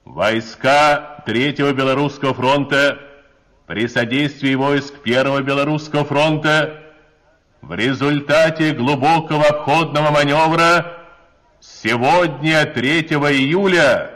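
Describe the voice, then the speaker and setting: A man announcing wartime state news on the radio in a booming, solemn, declamatory and measured delivery. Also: a bit bright. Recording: echoing long-reverb hall sound.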